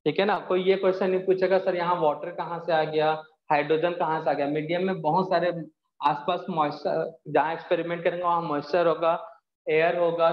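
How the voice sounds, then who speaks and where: Chem teacher guy, higher voice, patient step by step explaining, echoey dull audio. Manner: patient, calls students beta, explains step by step. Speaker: chemistry teacher. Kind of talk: live online class.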